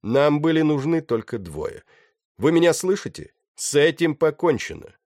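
A man voicing a cold pirate leader in grey who addresses the captured crew loudly and deliberately. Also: a little high, very animated, no echo, clean studio sound, pitched above the performer's own voice, exaggerated voice. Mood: commanding. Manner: calls out loudly, measured and commanding.

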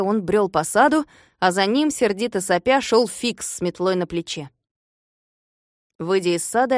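A woman reading a children's book aloud in expressive storytelling narration. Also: medium pitch, no room sound, clean studio sound.

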